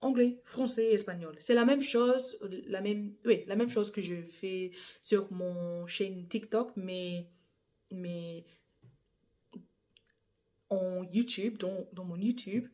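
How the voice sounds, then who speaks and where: A woman's voice: medium pitch, takes it slowly, dark tone. A young woman with an English accent reading scripture aloud in a second language, hesitant and often correcting herself. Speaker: Bible reader. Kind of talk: reading scripture aloud, then casual chat.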